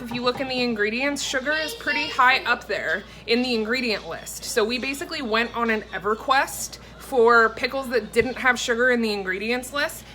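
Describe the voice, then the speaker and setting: A cooking vlogger in her thirties talks through a recipe in a chatty, explanatory way, filming a casual vlog in her home kitchen. Her voice is fairly high, with a bright and forceful tone. Faint kitchen noise can be heard in the background.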